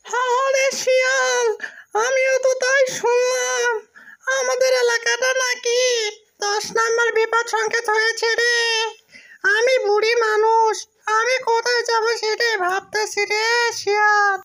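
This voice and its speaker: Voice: very high voice, flat delivery, a little slow, gravelly, pushed and bright, exaggerated voice. A performer voicing a worried, helpless old village woman in a cartoon, with a plaintive delivery. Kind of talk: cartoon voice acting.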